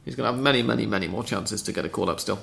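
Male podcast host, gravelly and bright, dry and chatty. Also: lowish voice, rapid-fire. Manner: reads listener questions, chatty and dry. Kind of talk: casual podcast chat.

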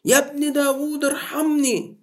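A preacher crying out as a desperate blind beggar. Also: male voice, very high-pitched, level tone, pitched above the performer's own voice. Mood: pleading cry. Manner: loud, drawn-out pleading cries.

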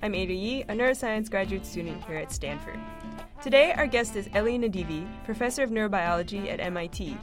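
A woman's voice: medium pitch, lively intonation, fast talker, over music. A young woman in her twenties, a graduate student, hosting a podcast interview in a friendly, encouraging way. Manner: friendly, encouraging, frequent mm-hmms.

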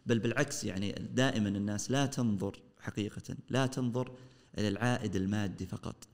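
A man's voice: lowish voice, darkish tone. A man with a Saudi accent, an entrepreneur guest talking earnestly in a casual podcast chat. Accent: Saudi Arabic. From Saudi Arabia. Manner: fast and earnest, often trailing off and restarting.

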